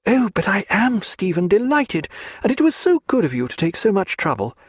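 Reading aloud in heavily acted fashion, a man voices a proud, desperate, pregnant young aristocratic woman who pleads in an imploring, high-strung, upper-class way. His delivery is sing-song, husky and moderately paced, recorded dry with clean studio sound.

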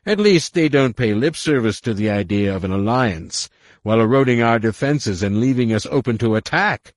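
A man's voice: mid-range voice, animated, moderate pace, no room sound, clean studio sound, pitched above the performer's own voice, natural voice. A man voicing a sneering male rebel whose speech is distorted to hide who he is, mocking and derisive in every line.

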